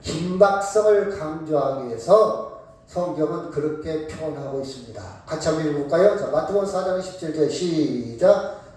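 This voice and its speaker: High-voiced pastor preaching in an echoey church. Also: male voice, moderate pace. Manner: emphatic, shifts between calm explanation and sudden shouts; asks the congregation questions and calls on members by title. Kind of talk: sermon. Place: church sanctuary. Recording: very echoey church from a distant mic.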